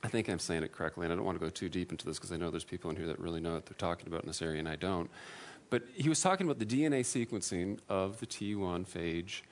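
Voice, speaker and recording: A man giving a personal testimony to an audience, earnest and self-deprecating, with halting restarts. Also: low-pitched, expressive, slight background noise. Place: room with an audience.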